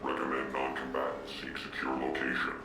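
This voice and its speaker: A man voicing a stern male security robot that gives flat, clipped announcements through a robotic filter. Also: very deep voice, a little fast, loud music behind the voice.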